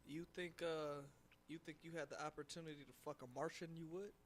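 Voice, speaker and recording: A young man from California talks in a casual podcast chat, full of slang and swearing. His voice sits a bit high, and he keeps calling his friend "bro". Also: steady tone, fairly quick, a little hiss or hum. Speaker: podcast co-host.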